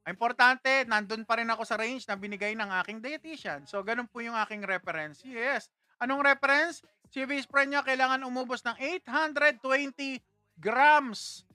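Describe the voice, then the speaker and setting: Playful bright-voiced man hosting a livestream. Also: extremely high pitch, moderate pace, no echo. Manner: playful, teasing, laughs often. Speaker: livestream host. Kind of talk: casual livestream chat with viewers.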